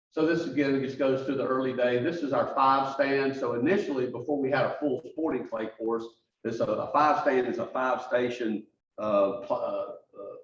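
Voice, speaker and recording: A man giving a halting presentation at a club meeting, telling stories as he goes through slides. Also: mid-range voice, slight background noise. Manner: halting, restarts often, storytelling. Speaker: guest speaker for a charity. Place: meeting room. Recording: roomy, distant, dull mic.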